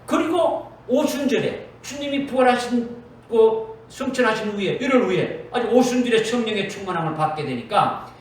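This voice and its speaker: A man's voice: very high voice, lively intonation, normal speed. Male pastor, sermon, emphatic and repetitive, distant mic, faint background noise. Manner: emphatic, repeats 'very' often, quotes Jesus in direct speech. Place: church sanctuary. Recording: echoey church hall from far off, faint noise.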